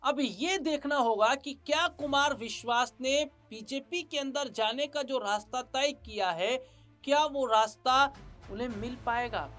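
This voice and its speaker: A man's voice: extremely high pitch, measured pace, pushed and bright. A man presenting a news report, emphatic, repeating points and asking rhetorical questions. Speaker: news anchor. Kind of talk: news commentary. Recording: faint background music.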